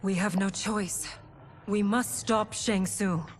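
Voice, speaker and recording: A woman's voice: mid-range voice, steady tone, takes it slowly, a little hiss or hum, close to an everyday voice. Kitana, a woman voicing a regal warrior queen. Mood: resolute. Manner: soft, earnest, often hushed. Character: regal female warrior queen, proud but weary. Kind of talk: video game cutscene acting. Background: dramatic game score.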